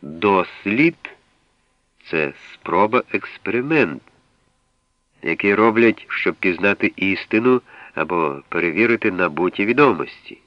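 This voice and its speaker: A man with a very low voice reads from a language guide in a measured, explanatory way, pausing to set apart single words. The sound is dull and lo-fi, like an old radio recording, and very dry with no room around it. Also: animated, no echo. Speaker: reader of a language usage guide. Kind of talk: scripted reading.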